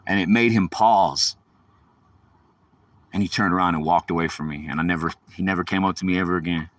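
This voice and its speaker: A man's voice: low-pitched, fairly even intonation, fairly quick, fairly bright tone, slight background noise. Profane, rambling man heard from a distance. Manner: profane, rambling, streetwise slang. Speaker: livestreamer. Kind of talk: casual storytelling.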